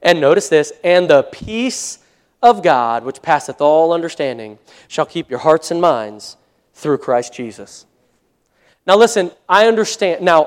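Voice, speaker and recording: A fairly high-voiced male pastor preaching to his congregation. He talks to them conversationally, acts out their excuses, and swings between loud, stressed points and quiet asides. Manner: conversational preaching, acts out listeners' excuses, chuckles at own jokes. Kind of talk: sermon.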